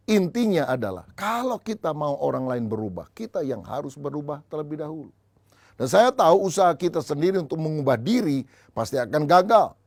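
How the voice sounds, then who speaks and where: A man's voice: fairly high pitch, a little mellow, no echo, studio quality. A male pastor preaching a sermon, telling humorous anecdotes and addressing the congregation as brothers and sisters.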